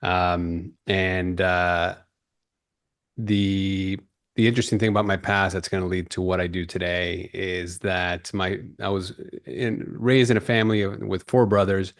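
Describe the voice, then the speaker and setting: A man in his forties from Peru, a guest on a podcast interview, telling his background in a measured, explanatory way. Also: low-pitched, fairly even intonation, no room sound, studio quality.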